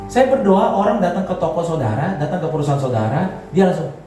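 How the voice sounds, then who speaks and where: A man's voice: a little high, sing-song, fast. A man, a pastor, giving a joking and conversational sermon to a congregation and leading them in gestures. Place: large church hall. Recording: echoey hall, voice from far off, faint music.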